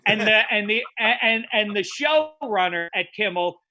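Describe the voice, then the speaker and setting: Guy with a high bright voice, spinning a yarn, dry close mic, jumps up when he quotes people. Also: animated, measured pace, no room sound. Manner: acts out quotes with big pitch jumps. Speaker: podcast co-host. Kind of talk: animated storytelling.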